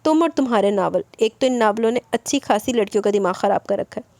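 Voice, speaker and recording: A playful, mock-stern young husband from a romance audiobook, teasing his wife without pause, as a woman narrator voices him. The delivery is mellow and warm-toned. It is recorded close and dry. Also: mid-range voice, creaky, no room sound, natural voice.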